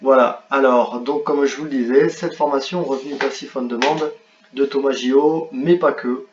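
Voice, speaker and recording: Man, casual screen walkthrough, halting speech full of fillers, roomy dull-sounding recording. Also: medium pitch, fairly even intonation, noisy background. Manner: hesitant, many filler sounds and restarts. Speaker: online course reviewer.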